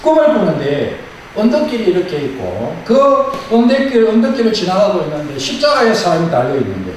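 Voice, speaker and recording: A male pastor with a high, bright-pitched voice delivers a sermon, pressing key phrases again and again. He tells stories with energy. His voice carries from a distance through a very echoey sanctuary with faint noise behind. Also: fairly quick. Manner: emphatic, repeating key phrases; animated storyteller. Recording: very echoey hall, far-off mic, faint noise.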